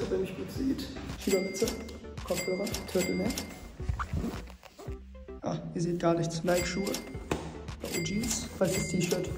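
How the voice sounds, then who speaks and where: A young man filming himself on a phone, talking straight to his viewers in a hyped, slangy vlog style as he walks through the city and the gym. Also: high-pitched. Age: young adult. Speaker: vlogger. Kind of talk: casual vlog narration. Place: city streets, hotel and gym, in and out of doors. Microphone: phone camera at arm's length.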